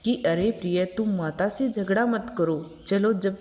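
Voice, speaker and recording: A woman voicing a dutiful young husband and son who coaxes gently, in a storybook reading. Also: mid-range voice, a little slow, big-room sound, lightly acted. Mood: coaxing. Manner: gently coaxing.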